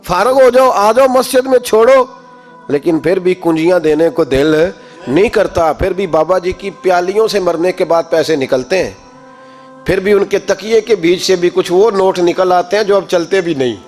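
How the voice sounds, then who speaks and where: A man's voice: high voice, darkish tone, soft background music. A man delivering an impassioned Urdu sermon with a Pakistani accent, telling stories and acting out the voices of the people in them. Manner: impassioned storytelling, acts out quoted voices. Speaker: preacher.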